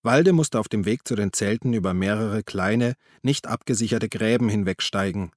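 A man reading a crime novel aloud as narrator, in a calm, even storytelling manner. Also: on the low side, moderate pace, dry recording, studio quality. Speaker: audiobook narrator. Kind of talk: scripted narration.

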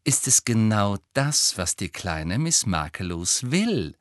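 A man voicing a clever teenage girl who speaks in a crisp, firm, cutting way in a storybook reading. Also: medium pitch, sing-song, moderate pace, a bit bright, dry recording, clean studio sound, voice pushed up.

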